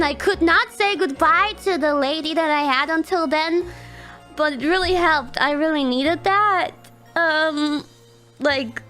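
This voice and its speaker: A woman's voice: sits high, fairly bright tone. A young woman streamer telling a personal story in casual chat, rambling and emotional, swearing and laughing often.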